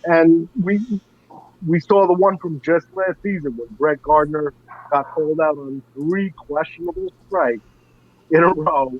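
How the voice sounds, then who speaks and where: A show producer in his fifties chats casually on a podcast in a slightly high, somewhat slow voice, rambling animatedly through his stories. The recording has a dull, lo-fi sound.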